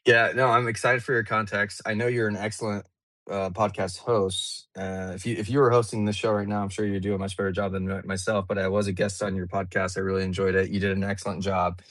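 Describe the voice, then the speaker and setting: A low-pitched man hosts a live audio panel in a loose, chatty way, often restarting his sentences. The sound is dry and close, with no room around it. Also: fast, no room sound. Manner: relaxed, chatty, many fillers and restarts. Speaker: host. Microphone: remote audio call.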